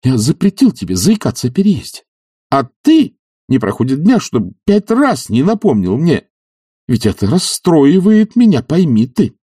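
A man's voice: on the high side, wildly swooping pitch, moderate pace, warm tone, slightly rough, no room sound, clean studio sound, pitched above the performer's own voice, full character voice. A man voicing an irritable idle nobleman who complains in exasperation. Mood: exasperated. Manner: peevish, exasperated.

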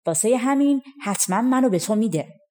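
A woman voicing an old talking cow from a folk tale, giving calm, confiding advice. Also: on the high side, close to an everyday voice.

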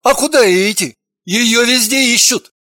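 A woman's voice: fairly high pitch, moderate pace, a bit bright, dry recording, studio quality, pitched above the performer's own voice. A woman reading an audiobook, voicing a touchy, defensive young man who answers curtly and sulkily. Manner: curt, defensive, sulky.

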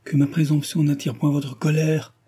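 A man voicing a passionate young gentleman suitor, speaking in a fervent, imploring and formal way. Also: mid-range voice, moderate pace, husky, close to an everyday voice. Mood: earnest. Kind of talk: audiobook character reading.

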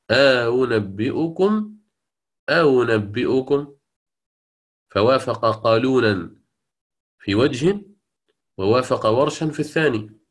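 Lecturer: middle-aged man, patient explainer, checks that students follow, slow recitation of quoted verses. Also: mid-range voice. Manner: explanatory, repeats key words, checks with "تمام؟"; chants quoted verses slowly. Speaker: Quran recitation teacher. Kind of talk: lecture on Quranic readings.

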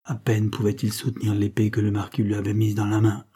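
A man narrating an old novel in a measured, dramatic audiobook reading. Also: lowish voice, monotone, dark tone, husky.

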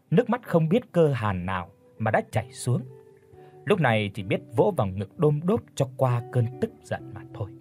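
A man narrating a dramatic audio story in a mournful tone. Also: mid-range voice. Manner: mournful, chanting verse at the start. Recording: soft instrumental music underneath.

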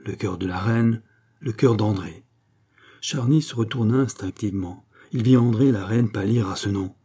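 A man reading a classic novel aloud as an audiobook narrator, steady and measured. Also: lowish voice, husky. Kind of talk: scripted narration.

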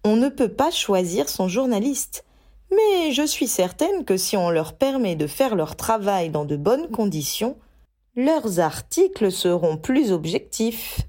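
A woman voicing a clever young witch who gives brisk, instructive advice. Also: medium pitch, very animated, warm tone. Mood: advising.

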